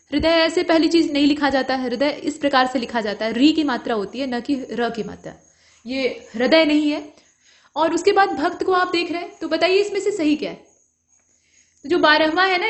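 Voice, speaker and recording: A woman teaching an exam-prep grammar lesson, explaining patiently step by step and often checking in with the viewer. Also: high voice.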